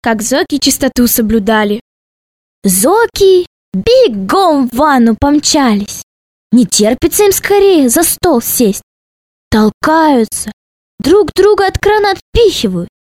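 A woman reads a children's story aloud in an expressive, playful way. Her voice sits high and swings widely in pitch. The recording is dry and close. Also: slow, no room sound. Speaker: narrator.

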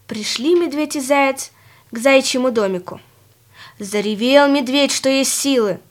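A woman narrating a children's fairy tale in a gentle, expressive storytelling manner. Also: sits high, a little slow.

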